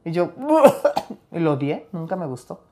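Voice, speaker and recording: A woman talks through personal memories in a relaxed interview. Her voice sits low and deep, and she slips into the voices of the people she quotes. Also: unhurried. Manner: animated storyteller, acts out quoted lines, laughs between stories. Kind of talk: candid interview storytelling.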